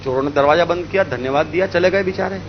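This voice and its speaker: A man from India telling a spiritual story in an animated way, acting out the characters. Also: on the high side, fast, highs cut off, a little hiss or hum. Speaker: spiritual speaker. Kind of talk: storytelling talk.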